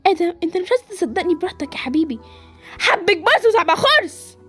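A woman with an Egyptian accent voicing a scheming young woman who taunts in a drawn-out way. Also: very high voice, expressive, a bit bright, soft background music. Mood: taunting.

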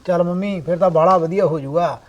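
A young man plays a greedy, cocky groom who talks fast. Soft music plays underneath. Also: high voice, muffled recording, natural voice.

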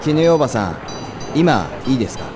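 A man's voice: mid-range voice, very animated, brisk, close to an everyday voice. An actor playing a serious, stoic young man in a video game, speaking in a terse, earnest and polite way. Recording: music behind the voice.

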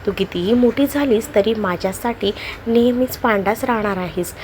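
A woman playing a fond, gentle father. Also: on the high side, moderate pace, slight background noise, natural voice. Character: affectionate middle-aged father.

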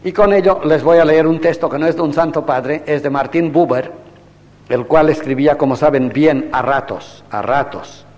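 An older man lectures a class as a priest, firing rhetorical questions at his listeners and voicing both sides of imagined exchanges. His voice sits a little high for a man. The sound rings with the long reverb of a large hall. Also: normal speed, a little mellow, dull audio. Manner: rhetorical, questions the audience, acts out quoted exchanges. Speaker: priest lecturing a theology course.

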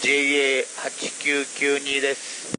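A man's voice: mid-range voice, completely flat delivery, a little slow, bright, forceful tone, low-quality recording. A man making polite, procedural requests over aviation radio as a ground towing operator. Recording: hissy radio transmission with static.

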